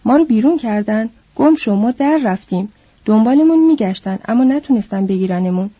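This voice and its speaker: A woman voicing a sharp-tempered, protective itinerant worker man who talks in a curt, scolding way. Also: a little high, expressive, breathy edge, no room sound. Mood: irritated. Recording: dull lo-fi recording.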